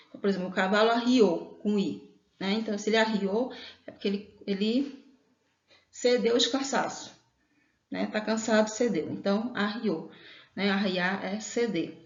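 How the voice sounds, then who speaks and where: A woman with a Brazilian accent teaching an online grammar lesson, patiently explaining and often checking in with her listeners. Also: mid-range voice. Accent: Brazilian Portuguese. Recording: echoey room, dull lo-fi sound.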